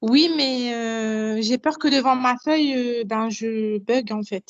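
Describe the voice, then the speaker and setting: Young woman student on speakerphone, phone held away, muffled lo-fi call sound, kinda high voice, lots of ums. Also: takes it slowly, dry recording. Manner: hesitant, full of fillers. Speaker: nursing student. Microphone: phone on speaker in a video call. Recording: dull lo-fi call audio.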